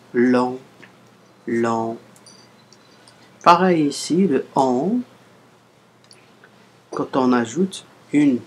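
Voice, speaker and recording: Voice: mid-range voice, a little mellow, slight background noise, poor audio. A teacher giving a pronunciation lesson, spelling out letters and sounding out syllables one by one, repeating each word several times. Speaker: French reading teacher.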